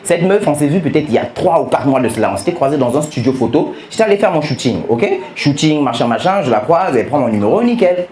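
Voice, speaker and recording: A man performing stand-up comedy, telling stories in an animated way and teasing the audience. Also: fairly high pitch, quick pace, few pauses, slight background noise. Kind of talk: stand-up comedy with crowd work. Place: comedy club stage. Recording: roomy club sound with live audience.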